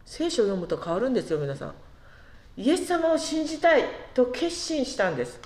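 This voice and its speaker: A woman delivers a sermon in a conversational way and often turns to ask the congregation questions. Her voice sits fairly high and swings widely, and she draws out words for emphasis. The room is echoey. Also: very animated, a little mellow. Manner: conversational, asks the listeners questions, slows down to stress words. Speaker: preacher.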